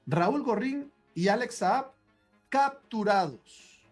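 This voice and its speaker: Male commentator, high voice, emphatic breaking-news delivery, light music under. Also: lively intonation, takes it slowly.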